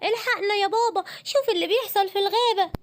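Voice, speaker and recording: A woman with an Egyptian accent voicing a frightened young lion cub who reports danger in urgent rushed words, for a homemade cartoon. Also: very high-pitched, slight background noise, pitched above the performer's own voice. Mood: alarmed. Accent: Egyptian Arabic. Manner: breathless urgent alarm.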